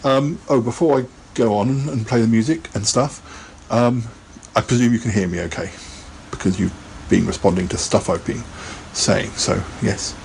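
A man's voice: mid-range voice, moderate pace, vocal fry, hardly any pauses, darkish tone, a little hiss or hum. A man hosting a casual live podcast, chatting in a rambling way and laughing often. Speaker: podcast host.

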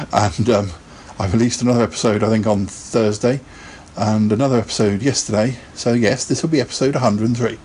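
A man's voice: fairly low pitch, steady tone, brisk, few pauses, slight background noise. A man hosting a casual live podcast, chatting in a rambling way and laughing often. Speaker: podcast host.

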